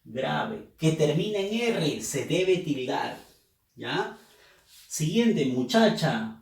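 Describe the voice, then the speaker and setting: A man's voice: on the high side, big pitch swings, drawn-out words, creaky, a little mellow. A man teaching a lesson to young students, patiently drilling syllables and asking them to pronounce each word. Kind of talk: classroom lesson on accent rules. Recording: roomy echo, voice from a distance.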